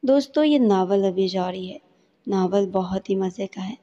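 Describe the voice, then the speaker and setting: A woman narrates a story in a steady, scripted reading. Her voice is warm and mellow. The recording is dull and lo-fi, with a long reverb tail behind every line. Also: mid-range voice. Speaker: storyteller, channel host. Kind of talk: scripted audio novel narration.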